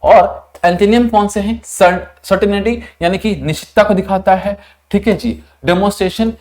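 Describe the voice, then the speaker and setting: A man's voice: sits high, a little mellow. Indian male tutor drilling pronunciation. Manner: explanatory, repeats words slowly to model pronunciation; frequent check-ins like "thik hai". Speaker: vocabulary teacher. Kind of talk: online vocabulary lesson.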